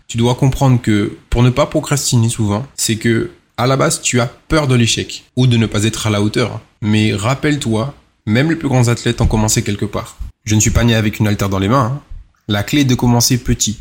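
A man who coaches fitness talks straight to you in a loose, joking podcast monologue at a middle pitch. He keeps throwing questions at the listener and slips into quick acted-out voices. A faint hiss of background noise sits under the recording. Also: a little mellow. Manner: chatty, addresses the listener directly with rhetorical questions; playful, acts out little scenes and inner voices. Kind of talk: casual motivational podcast monologue.

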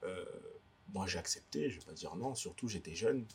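A man's voice: deep voice, lively intonation, moderate pace, slight background noise. A young adult man from Guadeloupe, a DJ being interviewed, talking casually and hesitantly with many fillers and restarts. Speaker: DJ guest. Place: indoor cultural space in a bookstore.

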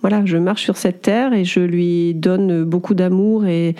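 A woman's voice: fairly low pitch, fairly even intonation, measured pace, warm tone. A woman in her forties from Auvergne, a sculptor being interviewed, talking earnestly and reflectively, with many hesitations. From France, Auvergne. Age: 40s. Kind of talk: conversational interview.

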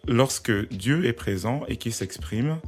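A man hosting a conversation, telling a story in a measured, hesitant way. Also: medium pitch, lively intonation, darkish tone, slightly rough, soft background music.

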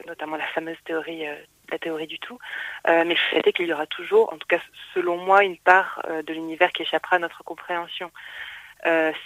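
A woman's voice: fairly low pitch, a bit bright, no room sound, poor audio. A woman science journalist interviewed by telephone on the radio, speaking earnestly and reflectively with some hesitations.

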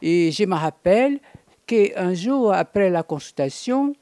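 A woman from Brazil, a doctor and activist telling her story slowly, searching for words with pauses and restarts. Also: on the low side, lively intonation, mellow, no room sound, clean studio sound. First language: Portuguese. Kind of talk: personal testimony.

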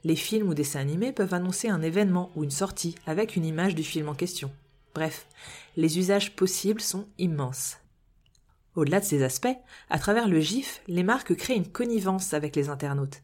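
A woman's voice: on the low side, normal speed, darkish tone. A woman hosting a podcast, reading a scripted explainer with wry, playful asides. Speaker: podcast host.

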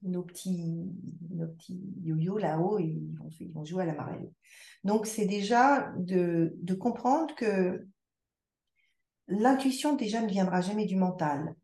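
Reflective and prone to restarts and repetitions, the woman speaks as an interview guest on a podcast, circling back while she thinks. Her voice is lowish and dark with vocal fry, at a measured pace, in a roomy-sounding space.

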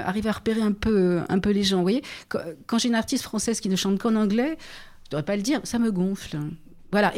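A woman who works as a radio music programmer, talking in a casual panel discussion in a halting, thoughtful way with many restarts. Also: medium pitch, darkish tone.

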